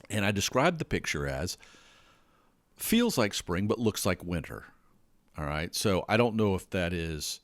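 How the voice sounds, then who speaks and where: A man hosting a solo podcast talks casually while recovering from a cold, rambling and stumbling over his words and often repeating himself. His voice is low, and the studio sound is clean with no echo.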